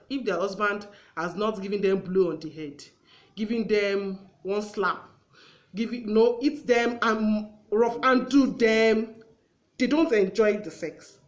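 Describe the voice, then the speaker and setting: A woman hosting a conversational talk show. She gives earnest advice and acts out everyday exchanges as she goes. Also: mid-range voice.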